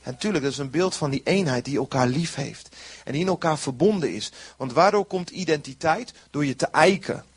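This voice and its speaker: A man's voice: on the high side, expressive, brisk, breathy edge. A man preaching a sermon in an earnest way, repeating short phrases for emphasis.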